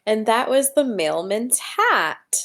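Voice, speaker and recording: Indoors at a computer, a woman teacher reads a storybook aloud to young children, addressing them directly and asking questions as she guides them along. Her voice is on the high side, sing-song, and fairly bright, and she takes it slowly.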